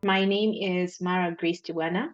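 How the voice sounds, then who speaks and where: A young woman from Malawi, a medical doctor, answering interview questions thoughtfully with many pauses. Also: fairly low pitch, steady tone, soft background music. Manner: thoughtful, with many ums and uhs. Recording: dull lo-fi sound.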